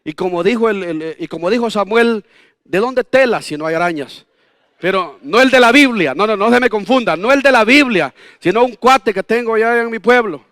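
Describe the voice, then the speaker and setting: A pastor in his fifties with a notably high voice delivers a sermon, swinging between homely anecdotes, little jokes and rhetorical questions to the congregation. The recording is dry and close, with almost no room sound. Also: lively intonation, moderate pace, a bit bright, dry recording. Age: 50s.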